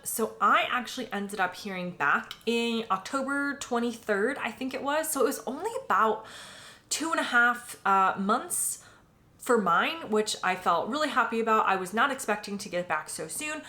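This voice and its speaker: An American vlogger in her late twenties talks to the camera in a chatty personal vlog, constantly saying "um" and "like." Her fairly high voice is expressive, bright and forceful, at a normal speed.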